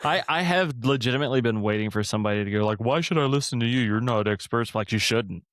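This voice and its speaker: A man co-hosting a comic book podcast, talking in a laid-back, halting way with dry teasing humor. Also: medium pitch, fairly bright tone, no echo. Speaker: podcast co-host and editor. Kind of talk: casual chat.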